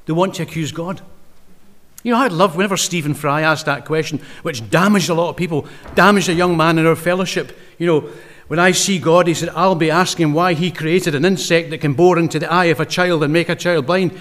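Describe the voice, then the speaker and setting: A man preaching a sermon, impassioned, rising to loud emphasis and dropping to quiet, low asides, reading verse slowly and deliberately.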